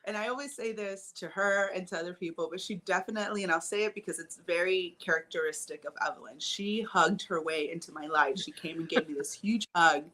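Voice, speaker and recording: A woman's voice: lowish voice, a little fast, hardly any pauses. Woman podcast co-host telling a story. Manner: warm storytelling, frequent laughs. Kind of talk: casual podcast chat.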